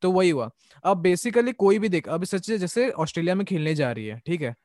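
A man's voice: high voice, expressive, fairly quick, darkish tone, dry recording, clean studio sound. A young man hosting a podcast, chatting casually and rambling, often tagging his points with "okay?". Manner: rambling, hedging with "okay?" tags. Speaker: podcast host. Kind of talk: casual chat.

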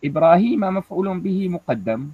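A man from Tunisia answers his teacher's questions in class, talking quickly and respectfully. The sound is dry and dull, like a lo-fi recording. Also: sits high, animated, slightly rough, no echo. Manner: respectful, addresses the teacher as sir. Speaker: student.

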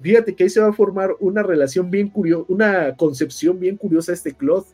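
A man's voice: high-pitched, a little fast, darkish tone, slightly rough, soft background music. A man with a Mexican accent casually retelling a story in slangy, sweary speech, acting out the characters' dialogue as he goes. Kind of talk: casual, animated story recap with acted-out dialogue.

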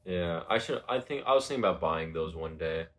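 Young man, very low voice, laughing. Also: lively intonation. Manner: laughing, joking, drawn-out delivery. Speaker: podcast co-host. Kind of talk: casual chat.

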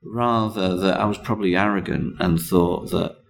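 Guy, kinda low voice, lots of ums, chatty guest. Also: normal speed, vocal fry. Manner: hesitant, many ums and restarts. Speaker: comedian guest. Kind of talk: casual interview chat.

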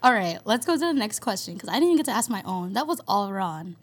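A woman's voice: mid-range voice, sing-song, quick pace, breathy edge. A woman co-hosting a podcast in casual chat, hesitant and giggly, laughing often between her phrases. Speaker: podcast co-host.

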